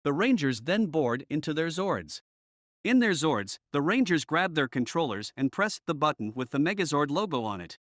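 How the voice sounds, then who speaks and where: A young man narrates a homemade audiobook steadily and plainly. His voice sits fairly high and the recording is dry and close. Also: sing-song, normal speed, fairly bright tone, dry recording.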